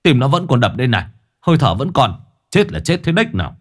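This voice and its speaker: A man voicing a blunt older village elder who barks orders in a gruff way in an audio story. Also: sits low, very animated, brisk.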